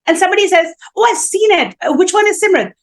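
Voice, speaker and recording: High-voiced animated woman. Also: fast, poor audio. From India. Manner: animated, storytelling, emphatic. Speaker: talk show co-host. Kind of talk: casual chat.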